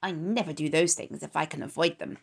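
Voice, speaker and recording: A woman's voice: on the low side, sing-song, normal speed, creaky, husky, exaggerated voice. A woman voicing a sour, crafty male rat who drawls out his words.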